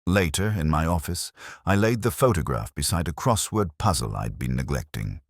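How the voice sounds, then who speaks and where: An actor playing a brooding, intellectual middle-aged police inspector, narrating an audio drama in a measured, reflective, wry way. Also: male voice, a bass voice, animated, dry recording, studio quality, heavily acted. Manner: measured, reflective, literary phrasing. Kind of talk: scripted first-person detective narration, audio drama.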